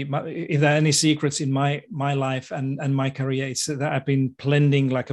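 A man from Finland with a Finnish accent, a guest in a podcast interview, speaking in a thoughtful, modest way with many hesitations. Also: medium pitch. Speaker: guest, education expert.

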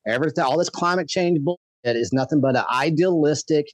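A man's voice: a little high, quick pace, no echo. A man speaking as an interview guest, making his case in an emphatic, blunt, impassioned way. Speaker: podcast guest, food activist.

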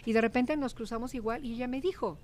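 Woman, Mexican accent, middle-aged, guest in a casual chat, animated, faint rumble. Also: quick pace. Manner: animated storyteller, acts out quoted voices.

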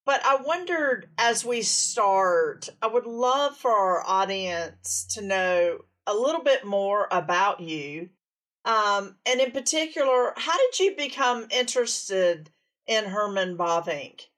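A woman co-hosting a podcast, asking her guest questions in a measured way. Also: mid-range voice, lively intonation, fairly bright tone, distant mic. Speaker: podcast co-host. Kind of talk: interview host.

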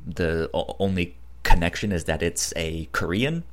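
On a podcast, a man with a deep voice chats casually and hands out recommendations. His delivery is lively but a little slow, and a frequent stutter makes him repeat syllables and catch on words.

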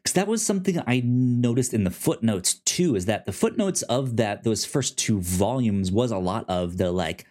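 A young man co-hosts a casual podcast discussing comics, his fairly low, slightly mellow voice showing lively intonation. His speech is halting, full of stammered restarts and fillers.

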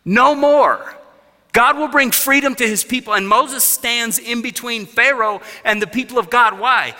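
A man in his thirties preaching a sermon as pastor, passionate, dropping to a hush and then rising loud. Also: high-pitched. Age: 30s. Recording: reverberant hall.

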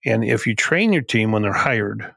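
A man with a gravelly edge to his voice speaks as a podcast guest, sharing business lessons with emphatic, repetitive phrasing. The recording is close and dry, with no room sound around him. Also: on the low side, expressive, normal speed, bright, forceful tone, no room sound. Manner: emphatic, repeats and restarts phrases. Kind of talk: conversational podcast interview.

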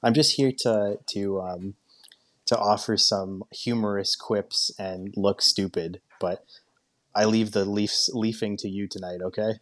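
A man's voice: lowish voice, steady tone, a little slow, no echo, clean studio sound. Jokey man on a phone from a basement. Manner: jokey, crude humour. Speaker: guest on a sports talk show. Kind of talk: casual joking chat. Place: basement at home.

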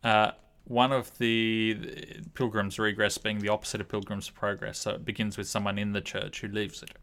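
A man leading a reflective Bible study discussion, speaking in a thoughtful, measured way with frequent pauses and ums. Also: on the low side, little pitch movement, fairly bright tone, slight background noise.

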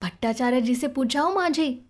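A nervous young servant boy, voiced by a woman reading a novel aloud, speaks in a hushed, anxious way. His voice sits noticeably high, and he sounds eager to please. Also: normal speed. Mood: timid.

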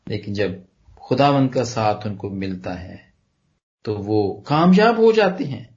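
A man preaching a sermon with earnest conviction, his voice rising and falling between loud and hushed as he calls his listeners dear ones. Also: lowish voice, very animated, dull audio. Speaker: pastor.

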